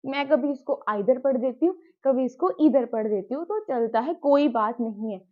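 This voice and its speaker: A woman teacher gives a patient spoken-lesson, repeating key words and talking straight to her students. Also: high-pitched. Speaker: English teacher. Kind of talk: explanatory spoken-English lesson. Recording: tinny phone-like sound.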